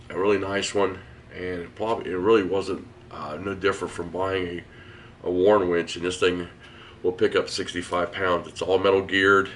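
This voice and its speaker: A man with a head cold, sounding hoarse, hosting a casual hobby how-to and explaining each step in a relaxed, rambling way with lots of fillers. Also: low-pitched, a little hiss or hum. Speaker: host of a hobby garage channel.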